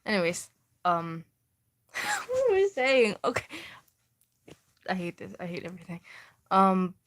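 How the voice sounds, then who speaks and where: A young woman livestreams herself reading her old fan fiction aloud, her medium-pitched, slightly bright voice swinging hugely in pitch at a somewhat slow pace. She adds self-mocking, swearing asides, laughs frequently, and often breaks off mid-sentence.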